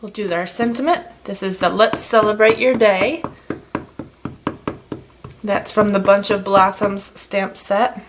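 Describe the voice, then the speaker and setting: A woman's voice: medium pitch, measured pace, pauses often, noisy background. A woman giving a casual, chatty card-making tutorial with plenty of fillers, a slight frog in her throat. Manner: chatty, relaxed, many fillers. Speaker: stamping craft demonstrator.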